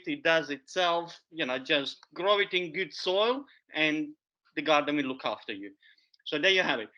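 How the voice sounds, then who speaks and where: A foraging educator with a high-leaning, pushed, bright voice teaches about wild edible plants in a casual, enthusiastic show-and-tell. His loose, non-native phrasing is chatty and full of fillers, he repeats himself, and he keeps saying "there you have it," all on a dull lo-fi recording.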